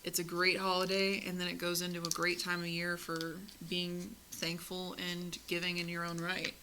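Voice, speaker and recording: A woman's voice: fairly low pitch, completely flat delivery, normal speed, noisy background. A woman co-hosting a podcast in casual chat, laughing often, swearing freely and rambling between topics into a close mic. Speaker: podcast co-host.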